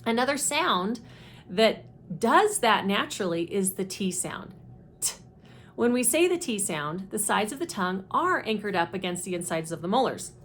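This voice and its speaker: A woman speech therapist giving a deliberate, methodical instructional explanation of a teaching method. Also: medium pitch, big pitch swings, fairly bright tone, slight background noise. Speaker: speech therapist presenting her own teaching deck.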